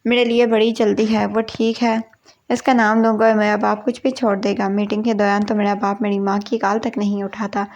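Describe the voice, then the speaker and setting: Woman, story narration, flat delivery, mid pitch, steady reading. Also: dull audio. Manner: even, steady reading in a first-person male role.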